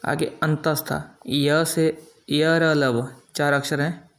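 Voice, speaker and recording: Brief: middle-aged male teacher, slightly high, even-toned delivery, patient and methodical, stretches out example syllables. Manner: slow, explanatory, drawing out sounds as examples. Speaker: Hindi grammar teacher. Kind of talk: classroom-style grammar lesson.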